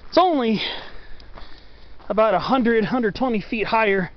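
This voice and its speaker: A man's voice: high voice, lively intonation, unhurried, lo-fi sound. A man narrating his own hike outdoors on a forest trail, chatty, listing elevations and plant names into a carried camera. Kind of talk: casual walking narration. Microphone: camera carried while walking.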